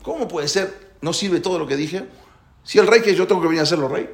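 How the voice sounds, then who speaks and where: A man's voice: a little high, a little fast. A man teaching a religious class who explains the prayers with many rhetorical questions. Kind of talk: Torah class. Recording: echoey room.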